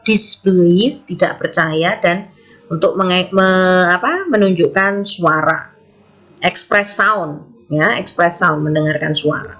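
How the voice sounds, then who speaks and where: A woman's voice: lowish voice, slow pace, fairly bright tone, rough recording. A woman teacher with an Indonesian accent, patiently explaining an English lesson for schoolchildren and reading example sentences aloud with care.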